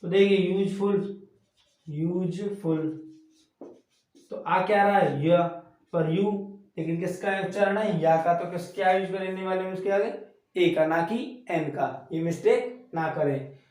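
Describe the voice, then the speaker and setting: A man's voice: high voice, moderate pace, a little mellow. A male tutor with a Hindi accent explaining a grammar lesson step by step and checking that his students follow. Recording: echoey room from far off.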